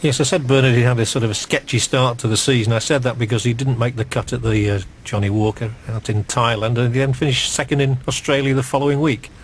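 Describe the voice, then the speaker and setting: A man's voice: medium pitch, steady tone, fast, few pauses. A middle-aged man giving live golf commentary in a conversational, musing way with understated enthusiasm. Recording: noisy outdoor broadcast ambience.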